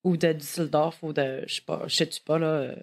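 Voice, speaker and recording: A woman's voice: sits low, steady tone, fairly quick, darkish tone. A woman voicing a flustered young woman's inner monologue in a put-on Québécois accent, hesitant and scolding herself.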